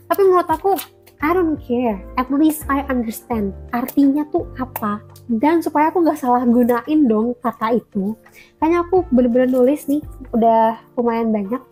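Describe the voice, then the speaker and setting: A woman's voice: sits high, a little mellow. A young Indonesian woman vlogging casually to camera, chatty and encouraging, mixing English phrases into her talk. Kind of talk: casual talking-to-camera vlog.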